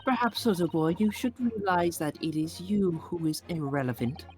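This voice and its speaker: A condescending courtroom rival, acted by a man in a game. The voice is haughty and disdainful, with measured scorn over faint music. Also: high voice, a little mellow, lightly acted.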